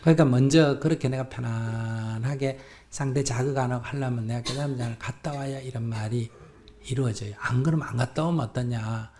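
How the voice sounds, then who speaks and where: A Buddhist monk with a Gyeongsang accent, animatedly answering a questioner in a live dharma talk and acting out both sides of conversations. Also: male voice, mid-range voice, steady tone, a little fast, a little mellow. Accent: Gyeongsang Korean.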